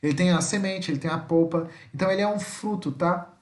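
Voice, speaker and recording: Brazilian male teacher, slightly high voice, patient, repeats words, echoey room. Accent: Brazilian Portuguese. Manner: patient, repeats each word slowly, checks with "tá?". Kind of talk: slide-based language lesson.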